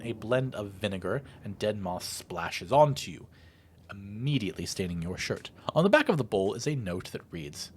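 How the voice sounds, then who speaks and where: With a mid-range voice and slight background noise behind him, this let's play host reads a game's text in a showy, theatrical way. Between lines he adds his own relaxed commentary on the playthrough.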